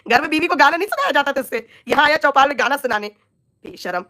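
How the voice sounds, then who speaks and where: A woman's voice: high voice, lively intonation, very fast, bright, forceful tone. A woman with a scratchy, coughing throat ranting on a live stream, scolding and insulting a rival in a heated voice. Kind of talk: angry live-stream rant at viewers.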